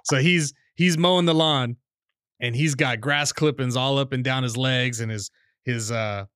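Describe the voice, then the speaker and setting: A man's voice: mid-range voice, a little slow, smooth, no room sound, clean studio sound. A man hosting a podcast, telling childhood family stories in a casual chat and acting out the voices of the people he quotes. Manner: animated storyteller, acts out quoted voices. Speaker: podcast host.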